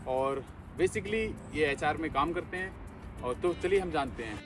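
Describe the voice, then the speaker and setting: A male podcast host mixing Hindi and English, asking questions in halting English while recording outdoors in a park. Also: fairly high pitch, distant mic, music in the background. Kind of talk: casual interview.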